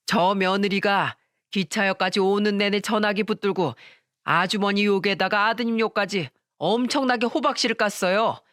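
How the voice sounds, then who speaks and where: A woman's voice: medium pitch, fairly bright tone, dry recording, clean studio sound, natural voice. A woman voicing a rude, blunt middle-aged male taxi driver who sneers and scolds, in a storytelling radio drama.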